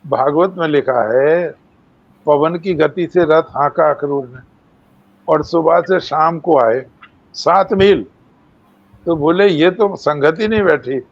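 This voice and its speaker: A man's voice: a little high, takes it slowly, creaky, pauses often, highs cut off. An older man giving a devotional lecture, telling stories and acting out the voices of sages and animals. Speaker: main speaker.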